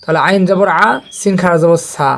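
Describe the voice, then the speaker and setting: A man teaching a recitation lesson in a slow, patient way. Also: high-pitched, steady tone. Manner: slow, patient, repeats letter drills. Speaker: Quran reading teacher.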